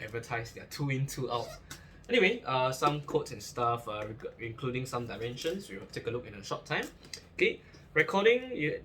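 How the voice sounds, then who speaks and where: A man's voice: mid-range voice, a bit bright. Chatty man unboxing gear. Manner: chatty, many fillers and restarts, joking asides. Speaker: gear reviewer. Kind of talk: casual unboxing review.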